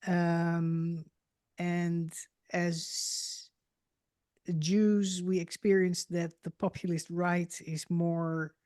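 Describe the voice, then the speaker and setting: Slow-speaking Dutch woman host. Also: on the low side, flat delivery, darkish tone, no room sound, clean studio sound. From Netherlands. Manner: hesitant, filler-heavy phrasing. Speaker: podcast host. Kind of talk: interview conversation.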